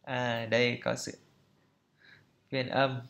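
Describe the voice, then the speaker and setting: A male teacher taking a pronunciation lesson at an unhurried pace. He drills every word over and over in a mid-range voice, then slows down further to explain each sound patiently. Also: mid-range voice, little pitch movement, creaky, a bit bright.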